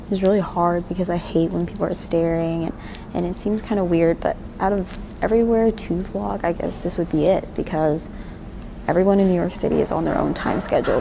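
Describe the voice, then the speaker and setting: A young woman talks to her vlog in a slightly low voice with plenty of fry. She is informal and rambling, often poking fun at herself. There is noticeable ambient noise behind her. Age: young adult. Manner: rambling, self-deprecating, informal. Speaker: vlogger. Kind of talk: casual vlog chat to camera. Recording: noisy handheld vlog with background ambience.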